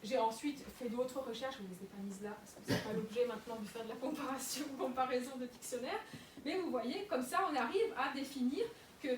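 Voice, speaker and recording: A woman's voice: high voice, brisk. A young woman giving a public lecture in a museum, talking with many fillers and restarts. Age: young adult. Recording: echoey room, mic far off, noisy.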